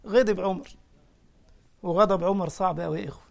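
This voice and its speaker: A high-pitched man with an Egyptian accent delivers a sermon as a sheikh. He tells his stories with animation and keeps turning to the congregation with questions. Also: brisk, creaky. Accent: Egyptian Arabic. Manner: animated storytelling with questions to the listeners. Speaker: sheikh preacher.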